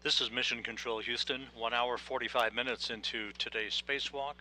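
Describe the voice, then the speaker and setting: An American man giving formal, measured live commentary on a spacewalk as a mission control announcer. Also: mid-range voice, steady tone. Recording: bright feed with faint hum.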